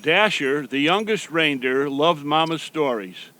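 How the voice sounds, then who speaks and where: A man's voice: on the high side, lively intonation, unhurried, pushed and bright. A man playing Santa Claus as a kindly, agreeable old man reading a storybook to young children. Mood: storytelling. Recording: background noise.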